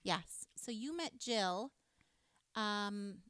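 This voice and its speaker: A woman's voice: mid-range voice, animated, very slow, fairly bright tone, clear, resonant tone, no echo. A woman in her forties co-hosting a live show-tunes stream from a home studio, chatting, laughing easily and reading out viewer comments. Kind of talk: casual chat between songs. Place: dedicated home recording space.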